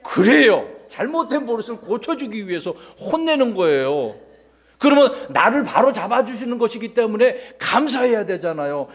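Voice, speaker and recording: A man's voice: extremely high pitch, moderate pace. A male pastor giving a children's sermon, asking the children questions and acting out little voices as he teaches. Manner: animated, asks the children questions and acts out voices.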